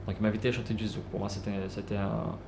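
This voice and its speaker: A man telling his life story casually, unhurried, with many fillers and restarts. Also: lowish voice, level tone. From French Guiana. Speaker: musician. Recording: roomy with clear background noise.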